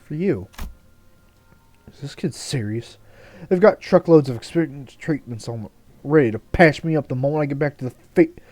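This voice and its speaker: A man voicing a brash, foul-mouthed, battle-hardened mother with a put-on Southern accent, loud and swearing. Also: on the high side, lively intonation, moderate pace, pauses often, no echo. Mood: gruff. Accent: put-on American Southern.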